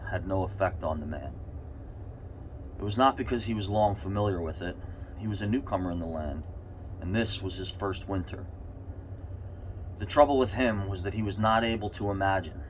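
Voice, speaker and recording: Very low-voiced man reading aloud in the cold. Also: rough recording. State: cold, sitting in an ice bath. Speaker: reader. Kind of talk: reading a short story aloud. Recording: steady background noise.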